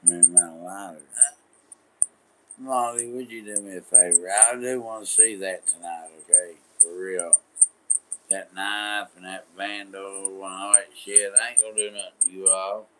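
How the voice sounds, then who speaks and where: Deep-voiced rambling man, slow and slangy. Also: steady tone, bright, forceful tone, slight background noise. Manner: slangy, repetitive, profane, drifting between thoughts. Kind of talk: rambling late-night talk.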